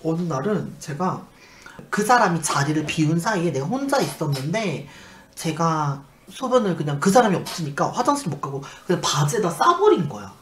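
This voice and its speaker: A man's voice: fairly high pitch, normal speed. A young man from South Korea, a YouTuber, tells a personal story casually and acts out the voices of the people in it. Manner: animated, acts out quoted voices. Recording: echoey room with faint noise.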